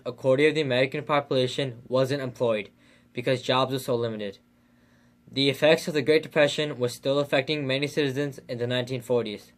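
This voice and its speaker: A man reads scripted narration aloud. His voice is average in pitch and his delivery is plain and report-like.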